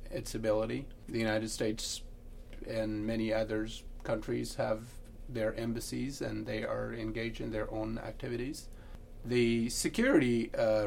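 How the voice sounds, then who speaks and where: Earnest Afghan man with a gravelly voice. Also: fairly low pitch, darkish tone, slight background noise. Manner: earnest, measured, with pauses and restarts. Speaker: guest. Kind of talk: podcast interview answers.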